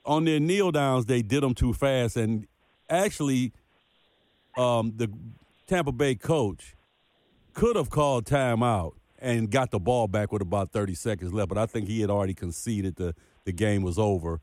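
A man's voice: mid-range voice, normal speed, a little mellow, dry recording. A man co-hosts a casual sports podcast, his voice close and dry with no room around it. He talks in an everyday way and hammers his points home, repeating lines for emphasis. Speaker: podcast co-host.

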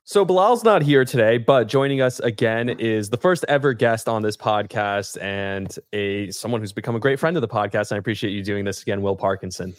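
A man's voice: fairly low pitch, a little fast, few pauses, dry recording. A man hosting a sports podcast, ranting heatedly and swearing in frustration. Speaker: podcast host.

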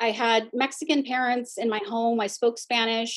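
A woman from the San Diego border region, speaking with an American accent, reflects casually on her own life in an interview, often dropping "like" and "you know." Her voice is a little high and level, her pace brisk, and the recording dry.

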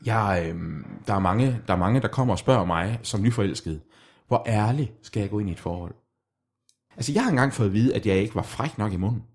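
A man with a somewhat low voice in deadpan comedic banter. He plays a mock sexologist and trips over his words, restarting phrases and trailing off. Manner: hesitant, halting with many restarts. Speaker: comedy guest playing a sexologist.

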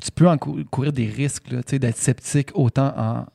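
A man co-hosting a casual podcast chat, asking thoughtful questions in a measured way. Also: mid-range voice, fairly even intonation, gravelly, dark tone, husky, dry recording, clean studio sound.

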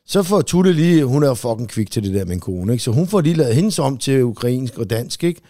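A man's voice: mid-range voice, very animated, dark tone, dry recording, studio quality. A man telling a long story in casual chat, rambling, swearing freely and full of fillers. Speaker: podcast co-host.

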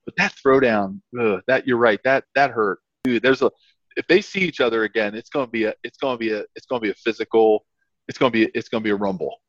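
A man's voice: mid-range voice, a bit bright, dry recording. Emphatic male football pundit, dry dull recording. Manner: emphatic, repetitive, halting phrasing. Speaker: football podcast co-host. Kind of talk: casual sports commentary. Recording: dull, slightly lo-fi sound.

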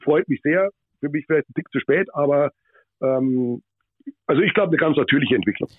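Bavarian-born guy, ex hockey manager, lots of ums and restarts, husky voice over a thin phone line. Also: a little high, fairly quick, dry recording. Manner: hesitant, many fillers and restarts. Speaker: former hockey manager, podcast guest. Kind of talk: podcast interview answers.

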